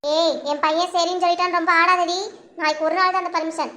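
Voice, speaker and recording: A woman's voice: extremely high pitch, level tone, fast, bright, forceful tone. A woman voicing a harsh, scolding mother-in-law in a cartoon, bossy and contemptuous.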